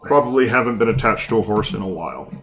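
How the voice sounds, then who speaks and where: A man narrating a tabletop game as game master, improvising descriptions and halting as he searches for words. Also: on the low side, expressive, a bit bright.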